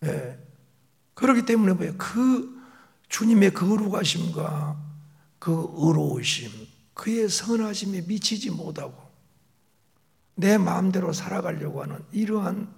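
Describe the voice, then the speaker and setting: A middle-aged male pastor preaching a sermon, moving between raised emphatic phrases and soft whispered asides. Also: high-pitched, gravelly.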